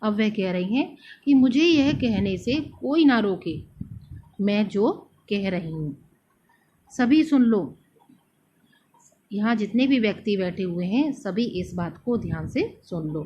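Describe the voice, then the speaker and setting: A woman teacher reciting poem verses slowly and then explaining them line by line, often pausing with fillers. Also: medium pitch, expressive, warm tone. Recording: dull lo-fi recording, faint noise.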